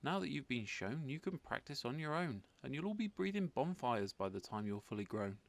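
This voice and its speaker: A man's voice: medium pitch, big pitch swings, fairly quick, vocal fry, dry recording. A man voicing a bossy but encouraging female dragon schoolteacher in a storybook, with a commanding, declamatory manner. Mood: instructing.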